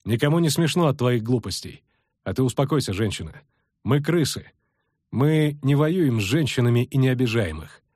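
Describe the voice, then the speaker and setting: A man voicing a stern, commanding male bandit leader with a husky voice. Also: mid-range voice, animated, normal speed, darkish tone, no echo, studio quality, lightly acted. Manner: gruff, commanding.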